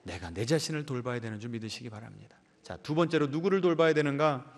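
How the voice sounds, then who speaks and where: A male pastor preaching a sermon, questioning his congregation and swinging between emphatic raised lines and soft low endings. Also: lively intonation, fast talker. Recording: church hall with long reverb.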